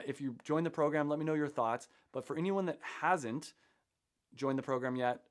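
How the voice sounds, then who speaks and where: A chatty man hosting a livestream in a loose, rambling way. His pitch sits in an ordinary middle range, and he switches between tips and reminders to the viewers. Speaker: host. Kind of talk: casual livestream teaching.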